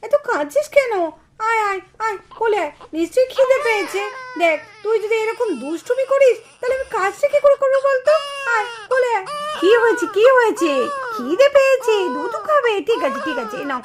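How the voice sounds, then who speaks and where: A bustling young mother from a puppet cartoon, voiced by a woman. She talks very high and lively, hurried and motherly as she fusses over her children. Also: noisy background.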